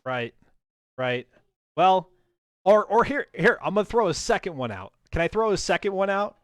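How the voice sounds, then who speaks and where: A man's voice: high-pitched, very animated, moderate pace, no room sound, studio quality. A man hosting a racing stream, chatting casually and joking, often restarting his sentences and laughing. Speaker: stream host.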